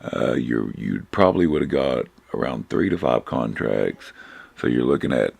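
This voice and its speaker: A man giving a casual, rambling lesson on reading stock charts, hoarse because he is losing his voice, with loose phrasing and frequent self-corrections. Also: rumbling low, expressive, moderate pace, a little mellow. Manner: informal, rambling, many fillers and self-corrections. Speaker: trading instructor.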